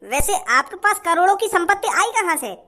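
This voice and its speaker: A woman voicing an eager, flattering TV news reporter in a cartoon comedy. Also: very high-pitched, a little fast, full character voice.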